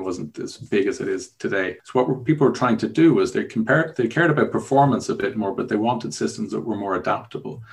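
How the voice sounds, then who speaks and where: Fast, gravelly Irish man. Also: on the low side. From Ireland. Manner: explanatory, rambling with restarts. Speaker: guest. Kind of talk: casual interview talk.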